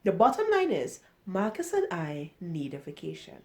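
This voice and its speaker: A woman reading the lines of a composed young woman pressing her sister for a favor, in a measured, persuasive way. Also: fairly low pitch, wildly swooping pitch, dark tone.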